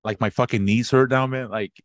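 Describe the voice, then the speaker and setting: A podcast co-host in his late twenties chats casually, rambling, swearing freely and laughing often. His medium-pitched voice holds a steady tone at a fairly quick pace, and the recording is dry.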